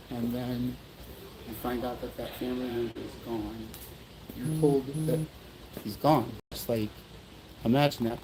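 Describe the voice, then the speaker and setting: Guy going live on his phone outdoors, earnest and rambling, gravelly voice, bit of faint noise behind. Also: mid-range voice, warm tone, poor audio. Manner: earnest, rambling, often apologizing and addressing viewers. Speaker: livestream host at a memorial event. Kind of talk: emotional livestream talk.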